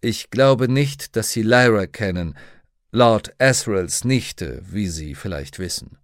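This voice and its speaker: A man's voice: fairly low pitch, expressive, takes it slowly, dry recording. A male audiobook reader voicing a courteous, formal college head in a dry, close recording. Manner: genteel, courteous host. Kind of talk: audiobook reading.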